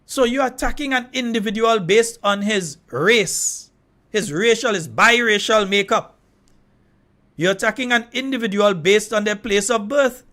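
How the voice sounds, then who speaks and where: A man from Trinidad, hosting a call-in radio show with animated, indignant commentary and laughing asides. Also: sits high, a little slow. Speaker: radio talk show host.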